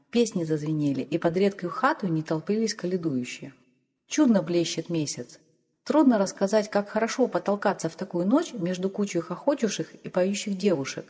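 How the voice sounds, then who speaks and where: Mellow woman reading a classic story. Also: medium pitch, slightly rough. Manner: measured, even storytelling. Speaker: audiobook reader. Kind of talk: scripted literary narration. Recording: long hall reverb.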